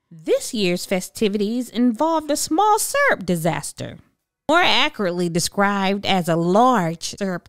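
A storybook narrator reads a children's story aloud with expression, stretching out key words for theatrical effect. Her voice is fairly high, with no echo and clean studio sound. Music plays in the background.

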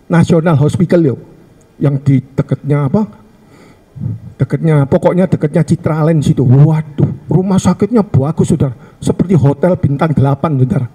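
A man with a Surabaya Javanese accent preaches a funeral sermon through a string of humorous stories. His voice is high, mellow and husky. He keeps addressing the congregation as "saudara". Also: normal speed. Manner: humorous storytelling, often adds "saudara". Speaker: pastor.

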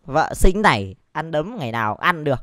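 A man's voice: on the high side, very animated, brisk, a bit bright, dry recording, studio quality. A Vietnamese man hosting a reaction video, joking crudely, swearing often and laughing a lot. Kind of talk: casual reaction commentary.

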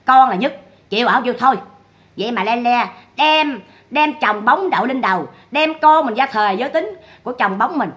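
A woman's voice: a little high, animated, moderate pace, a bit bright. A woman giving scornful livestream commentary on online drama, firing repeated rhetorical questions.

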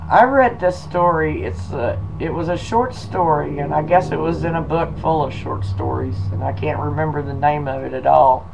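A man talking casually to viewers and telling a folksy story in an unhurried, drawling way. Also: a little high, vocal fry, noisy background. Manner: folksy, slow, drawling delivery with y'all and 'em. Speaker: video blogger.

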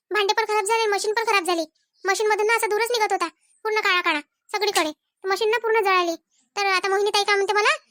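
A woman plays a young cartoon wife with a piercing, very high voice. She talks fast and grievingly, quoting everyone around her. The sound is close and dry. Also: a bit bright, no room sound. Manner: rapid storytelling, keeps quoting others. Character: young newlywed wife, chatty and complaining. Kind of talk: cartoon voice acting.

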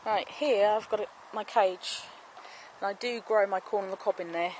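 A woman offers a chatty, homely tour of her allotment outdoors, explaining things while she films with a handheld camera from off screen. Her voice is medium-pitched and her speed normal. Clear background noise runs through the outdoor camera audio.

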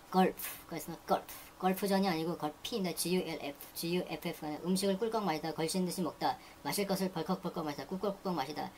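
A low-pitched woman reads English vocabulary entries as a teacher, saying each word twice before running through its meanings. The pace is brisk and list-like. A faint hiss of noise sits under the voice. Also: a little mellow. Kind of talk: reading dictionary entries aloud.

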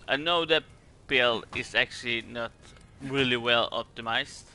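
A man's voice: mid-range voice, a little slow, bright, forceful tone, a little hiss or hum. A man from Sweden with a Swedish accent gives casual game commentary in a hesitant, rambling way, repeating words as he goes. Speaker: gaming video creator.

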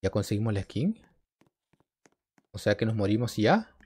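Male gamer, casual play-by-play, very lively delivery, dry booth sound. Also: lowish voice, moderate pace, husky, no room sound. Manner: animated, talks to the game character and viewers. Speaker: gaming video creator. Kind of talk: casual let's-play commentary.

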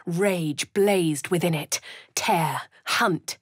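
A woman gives a heavily acted performance as a posh young female adventurer in game voice lines, using a posh English accent and shifting from quiet inner narration to hushed whispers to shouted spell incantations. The mood is brooding. Her voice is on the low side, slightly rough and extremely slow, in clean studio sound with no echo.

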